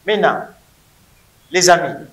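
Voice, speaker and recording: Guy teaching a class slowly, high bright voice, repeats stuff for emphasis, echoey room. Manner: emphatic, repeats words for drilling. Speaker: Hebrew teacher. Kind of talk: classroom grammar lesson.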